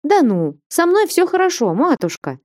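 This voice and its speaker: A woman voicing a boy who swings from eager chatter to outraged shouting, in a high voice for an audiobook. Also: sing-song, moderate pace, dry recording, studio quality. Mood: excited. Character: excitable boy, then furious anguished teen.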